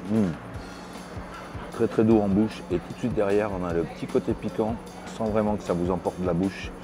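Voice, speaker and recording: Low-voiced man describing food, music behind. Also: fairly even intonation. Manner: descriptive, measured tasting remarks. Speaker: food vlogger host. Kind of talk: casual food-tasting commentary. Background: background music.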